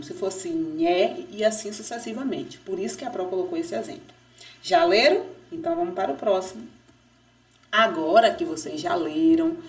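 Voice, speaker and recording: A woman teaching young children to read in a remote lesson, stretching out each example word slowly. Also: medium pitch, darkish tone. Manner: slow, drawn-out syllables on example words. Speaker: primary school teacher. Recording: voice a bit distant from the mic.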